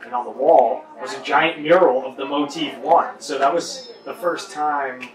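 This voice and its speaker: A man casually telling a personal anecdote in an interview, relaxed with fillers. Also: mid-range voice, unhurried. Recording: distant, roomy, crowd noise behind.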